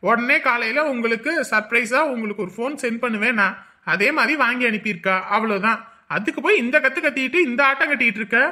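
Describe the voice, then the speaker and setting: A woman's voice: a little high, quick pace, bright, forceful tone. A woman playing a cheeky grown son. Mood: defensive. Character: young adult son, cheeky and offhand. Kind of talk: comedy sketch acting.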